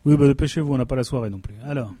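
A man's voice: mid-range voice, racing, mellow, dry recording, natural voice. A man playing a cynical male company boss who fires his staff with smug sarcasm, in a stage comedy sketch. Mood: smug, sarcastic. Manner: smug, sarcastic, coldly dismissive.

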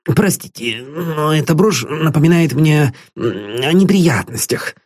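A man's voice: on the high side, lively intonation, a little slow, no echo, studio quality, voice pushed up. A man voicing a nervous, frightened elderly pawnbroker who mutters and pleads in a timid, breathless way. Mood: fearful muttering.

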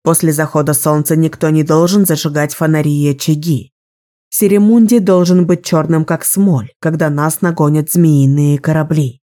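A woman reading a low, resolute sorceress. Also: fairly even intonation, moderate pace, dark tone, lightly acted. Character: resolute young female sorceress, strategist. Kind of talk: audiobook role reading.

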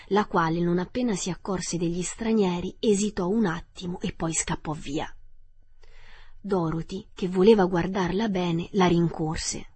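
Husky-voiced woman reading a story. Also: mid-range voice. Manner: calm, measured narration. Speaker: narrator. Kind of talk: audiobook reading.

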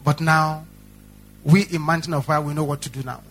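A man's voice: a little high, normal speed. A Nigerian-accented male pastor preaching a sermon, telling stories with lots of repetition. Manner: animated storytelling with repetition.

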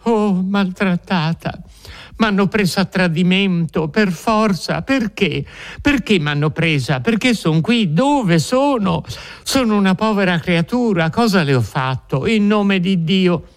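A man's voice: high-pitched, lively intonation, a little slow, smooth, voice pushed up. A man reading an audiobook, voicing a frightened young peasant woman who begs desperately in a trembling voice. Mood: terrified.

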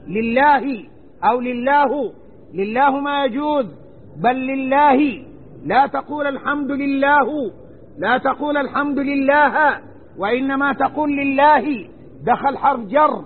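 High-voiced man teaching, tinny lo-fi recording. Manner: emphatic, repeats phrases, drills pronunciation. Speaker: Islamic scholar teaching Quran commentary. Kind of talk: religious lesson. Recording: tinny lo-fi recording with faint hiss.

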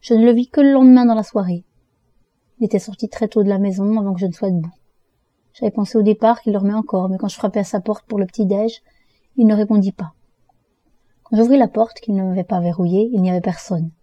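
A woman reading a first-person story aloud for an audiobook in a steady, measured way. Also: mid-range voice, no echo, muffled recording. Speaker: audiobook reader.

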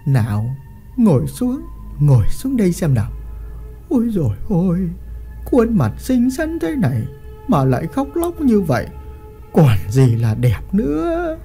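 A reader voicing a lecherous, bullying old male village official who mocks and threatens in a drawn-out way. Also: mid-range voice, wildly swooping pitch, warm tone, faint music behind, voice pushed up. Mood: leering menace. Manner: mocking, leering, drawn-out menace.

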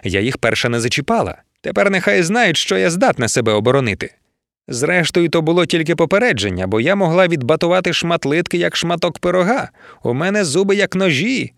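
A man's voice: fairly high pitch, big pitch swings, brisk, creaky, fairly bright tone, dry recording, studio quality, pitched above the performer's own voice, exaggerated voice. A man voicing a coquettish, mocking bodiless woman's head in an audiobook. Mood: boastful. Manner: flirtatious, teasing.

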